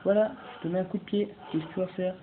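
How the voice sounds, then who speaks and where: A man giving excitable, swear-filled let's-play commentary, yelling and making mock threats at the game. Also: high voice, fast talker. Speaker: gamer. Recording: tinny lo-fi mic with faint hiss.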